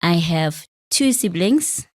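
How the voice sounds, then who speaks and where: A podcast host from Free State, South Africa, a woman in her late thirties, speaks openly in a conversational interview with self-deprecating humor, laughing easily. Her lowish voice is expressive, slow, and a little mellow.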